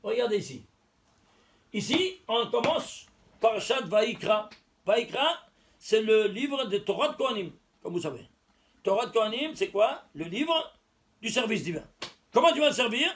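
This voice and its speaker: A man's voice: sits high, animated, moderate pace, slight background noise. A man giving a religious text lesson, explaining step by step, counting letters aloud and asking and answering his own questions. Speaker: teacher.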